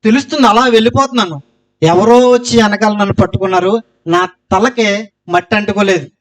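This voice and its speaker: High-voiced man giving an earnest testimony. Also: a little fast. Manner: earnest storytelling, loud cries of Jesus' name. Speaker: testimony speaker.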